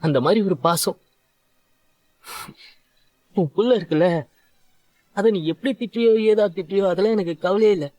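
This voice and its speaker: A man's voice: high-pitched, normal speed, pauses often, darkish tone, no echo, lightly acted. Ex-convict lad, earnest and emotional, light voice, dry close sound, played by a man in a serial dub. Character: grateful young man, former prisoner. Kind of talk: dubbed serial dialogue.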